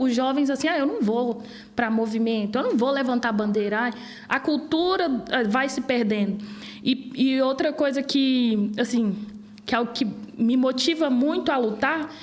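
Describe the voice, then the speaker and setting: A woman in her late twenties with a Brazilian Portuguese accent, a guest arguing her points passionately in an interview. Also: high-pitched. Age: 20s. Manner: passionate, animated argument.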